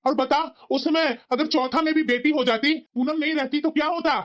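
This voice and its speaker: A woman's voice: high voice, steady tone, brisk, highs cut off, close to an everyday voice. A woman voicing a caring young husband and son in a cartoon, who argues back in an earnest, reasoning tone. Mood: arguing.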